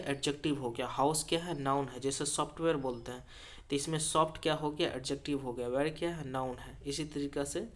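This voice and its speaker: A man teaching grammar in a classroom lesson, drilling each point with repeated questions and answers, and reading English sentences slowly. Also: mid-range voice.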